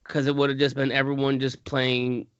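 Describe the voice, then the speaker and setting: A man co-hosts a casual podcast about a tabletop game. He rambles, often restarting his sentences, and jumps into animated bursts. His voice sounds dry, close and slightly dull, like lo-fi podcast audio. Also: medium pitch, moderate pace, smooth, no room sound. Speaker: podcast co-host.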